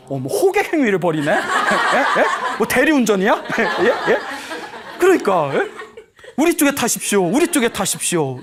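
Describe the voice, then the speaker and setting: A male Buddhist monk preaching to an audience, his pitch swinging widely as he tells a story and acts out its voices. His delivery is playful and humorous, with sudden shifts between loud and soft speech, and he keeps checking in with his listeners. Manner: storytelling with acted quotes, frequent "예?" to the audience. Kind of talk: Dharma talk to an audience.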